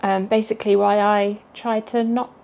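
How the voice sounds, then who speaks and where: A woman's voice: mid-range voice, level tone, moderate pace, darkish tone. A woman travel vlogger chatting casually to camera in a jokey, self-deprecating way.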